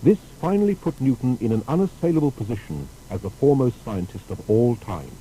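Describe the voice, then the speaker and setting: A man with a medium-pitched voice briskly narrates a scripted historical biography in a formal, storytelling manner. The recording is rough, with steady faint background noise.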